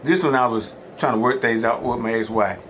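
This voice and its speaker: A man's voice: mid-range voice, a little fast, noisy background. A middle-aged man with a Southern US accent chatting casually between mouthfuls as a mukbang host, in a folksy, rambling storytelling way. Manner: talks between mouthfuls of food. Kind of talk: casual chat while eating.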